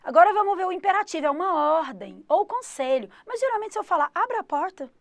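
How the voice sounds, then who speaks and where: A Brazilian woman teaching an exam-prep English lesson, lively and switching between English examples and Portuguese explanations. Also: very high voice, fast, no echo.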